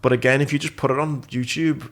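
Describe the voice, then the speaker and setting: A man's voice: mid-range voice, fairly even intonation, fast talker, a bit bright. A man in his thirties with a Liverpool accent, chatting casually and swearing freely as a podcast host. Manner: sweary, informal. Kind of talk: casual chat. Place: small office studio, indoors. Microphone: desk microphone.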